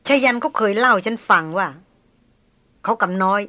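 A woman's voice: a little high, normal speed, pushed and bright. A woman reading as a mocking European adventuress. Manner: mocking, needling. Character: sharp-tongued young European woman adventurer.

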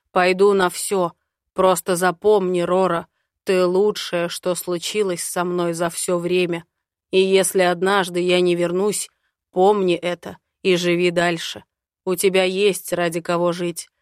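A woman's voice: fairly low pitch, level tone, measured pace, smooth, no echo, studio quality, lightly acted. A woman reading an audiobook, voicing a stern, powerful man who speaks firmly and makes grave vows. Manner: firm, forceful, vowing.

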